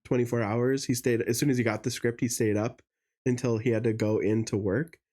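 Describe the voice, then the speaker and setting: Mellow-voiced man chatting casually. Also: medium pitch, little pitch movement, fairly quick. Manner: chatty, gossipy, many fillers. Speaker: podcast co-host. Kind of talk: casual chat.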